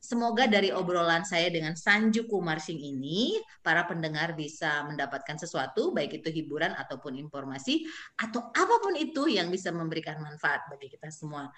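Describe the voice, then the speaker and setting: Female podcast host, Indonesian accent, somewhat low register, informal conversational delivery. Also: expressive, a little fast, a bit bright. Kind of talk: casual interview chat.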